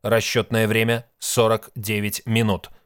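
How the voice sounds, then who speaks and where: A man reading an audiobook, voicing a ship's computer with a flat, mechanical, measured delivery. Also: lowish voice, smooth, dry recording, studio quality. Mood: monotone report.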